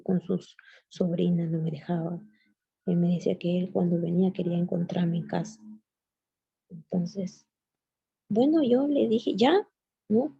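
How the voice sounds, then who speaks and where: Brief: middle-aged woman, low, dark and gravelly voice, earnest faith testimony on a dull lo-fi track. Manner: earnest, halting, addresses listeners as sisters. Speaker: guest giving testimony.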